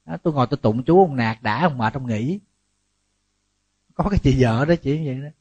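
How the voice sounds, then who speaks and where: A man, a Buddhist monk giving a lively, humorous sermon full of rhetorical questions. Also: medium pitch, fairly quick, husky, no room sound, muffled recording.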